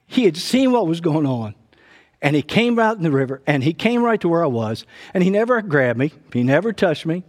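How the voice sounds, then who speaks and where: A man's voice: fairly high pitch, very animated, brisk. A middle-aged male pastor preaching a sermon with fervor, often breaking in with "praise God" between his points. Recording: long hall reverb.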